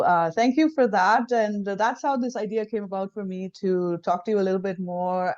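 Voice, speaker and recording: A middle-aged woman hosts a live interview from a small home room, speaking into a webcam. Her voice sits on the low side, and she unfolds her introductions slowly, padded with ums and uhs. The video call audio is dull and lo-fi. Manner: warm, measured introductions with many fillers. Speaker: host.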